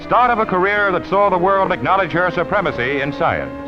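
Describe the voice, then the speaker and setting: A man's voice: sits high, very animated, brisk. A man narrating a late-1940s newsreel in an emphatic announcer manner. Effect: old newsreel narration. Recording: dull lo-fi archival sound with loud music. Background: music score.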